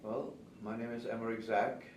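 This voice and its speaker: A man's mid-range voice with a level tone and normal speed belongs to a pastry chef and cake instructor in his seventies. A native German speaker with an Austrian accent, he answers interview questions in a conversational way, as a veteran teacher would. The recording sounds distant, roomy and noisy.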